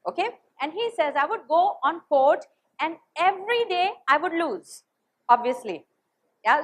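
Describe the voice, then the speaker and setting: A woman's voice: high-pitched, rough recording. A woman giving a motivational talk, telling stories and checking often that the audience follows. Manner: animated storyteller, asks the audience for agreement. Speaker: motivational speaker.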